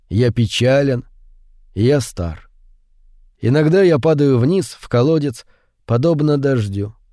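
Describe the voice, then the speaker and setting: A man reading a short story aloud, slow and brooding, raising his voice for the quoted lines. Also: medium pitch, no room sound, studio quality. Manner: slow, hushed and brooding, with louder acted quotes. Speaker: audiobook narrator. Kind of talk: scripted narration of a short story.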